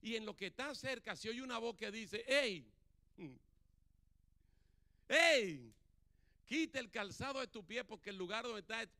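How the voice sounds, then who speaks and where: A man's voice: extremely high pitch, quick pace, few pauses, pushed and bright. A male pastor preaching a sermon in a church, acting out Bible dialogue and putting questions to the congregation. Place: church sanctuary.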